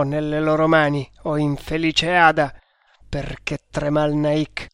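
A man's voice: a little high, no echo, studio quality, lightly acted. A man voicing a passionate, vengeful young male hero who makes fierce, impassioned declarations in an audiobook. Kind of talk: audiobook character voice.

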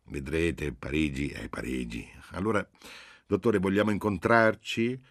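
A man voicing a hearty, overly familiar police agent who talks loudly on the phone in an audiobook. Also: sits low, unhurried, no echo, clean studio sound. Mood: jovial.

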